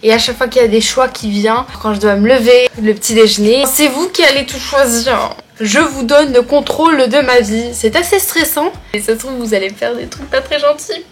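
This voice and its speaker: A woman with a fairly high voice talks to camera as a vlogger. She chats casually to her followers, as if setting up a video for them. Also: fairly quick, few pauses, slight background noise. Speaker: vlogger introducing a challenge video.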